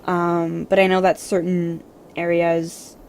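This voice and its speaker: Chatting with viewers on her livestream, this native French-speaking woman from French Canada rambles along, full of fillers and false starts. She talks slowly in a fairly low, monotone, darkish voice, with a faint hiss or hum.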